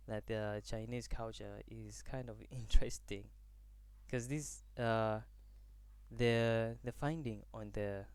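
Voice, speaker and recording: Halting, low-voiced man presenting. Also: darkish tone, clean tone, no echo. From Zambia. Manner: halting, searching for words with frequent restarts. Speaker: student presenter. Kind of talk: prepared class presentation.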